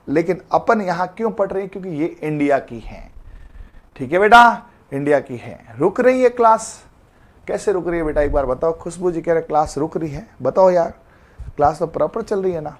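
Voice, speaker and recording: Male tutor, fairly high pitch, informal, joking live online class. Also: lively intonation, normal speed. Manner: chatty, calls students beta, jokey memory tricks. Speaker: teacher.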